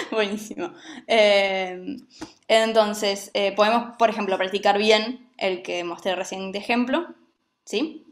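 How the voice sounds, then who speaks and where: A woman's voice: medium pitch, steady tone, takes it slowly. A woman teaching a music lesson, who explains patiently and often checks that her students follow.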